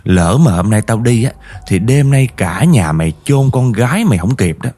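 Brief: harsh older exorcist, deep dark voice, blunt commands, read by a man. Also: big pitch swings, moderate pace. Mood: stern. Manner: harsh, scolding, blunt orders. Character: stern older male exorcist, commanding and threatening.

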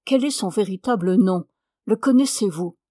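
A woman's voice: mid-range voice, normal speed, dark tone, dry recording, lightly acted. A woman reading the part of an earnest male reporter asking careful questions, in a dry close recording. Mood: probing. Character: probing male newspaper reporter.

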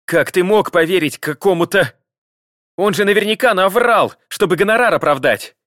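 A man's voice: expressive, a little slow, no room sound, studio quality. A man voicing a deceitful young wife who whines and pleads tearfully in an audiobook. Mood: shrill protest. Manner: whiny, pleading, rising to shrill protest. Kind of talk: audiobook character voice.

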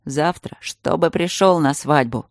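A woman reading an audiobook voices a stern male sword master who speaks curtly and gruffly. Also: low voice, a little slow, no echo, studio quality. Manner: curt, gruff.

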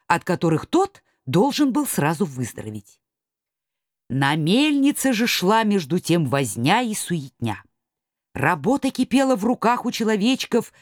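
A woman narrating a children's storybook with an expressive delivery. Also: fairly low pitch, no room sound, clean studio sound.

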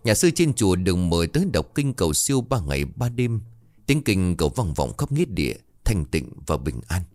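Deep-voiced man narrating a ghost story. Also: brisk, no echo. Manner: dramatic, expressive reading.

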